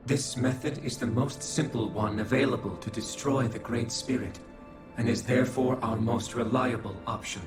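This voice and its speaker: Over echoey audio and background game music, a man plays a detached, calculating observer character in a cutscene. His mid-range voice stays fairly even in intonation and normal in speed, close to how he'd talk every day. He speaks formally and clinically, showing no emotion.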